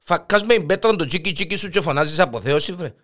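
A man's voice: a little high, animated, fairly bright tone, voice pushed up. A man with a Cypriot Greek accent voicing a grumpy male lion who scolds in disbelief. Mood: scolding. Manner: gruff, scolding, incredulous.

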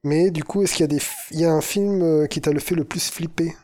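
A man's voice: a little high, steady tone, fast, a loud crowd. A man co-hosting a podcast in casual chat, dropping dry quips and short agreements. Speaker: podcast co-host.

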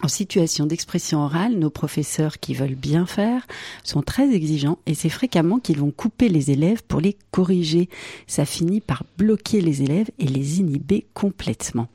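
A woman's voice: low-pitched, lively intonation, moderate pace, mellow, breathy edge, no echo, clean studio sound. A woman presenting a radio press review, reading articles and adding wry asides. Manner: wry asides, light laughs.

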